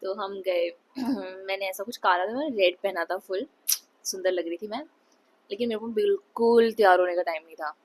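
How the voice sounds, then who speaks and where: A woman's voice: mid-range voice, normal speed. A young woman casually telling viewers a frightening personal story, mixing English words into her Hindi, with many fillers and restarts. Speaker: vlogger.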